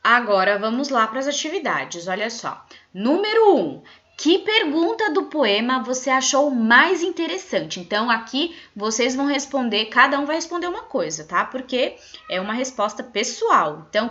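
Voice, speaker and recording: A woman primary school teacher with a Brazilian Portuguese accent, giving a video lesson to young children and stretching out syllables in a slow, sing-song way. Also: high voice, pushed and bright, muffled recording.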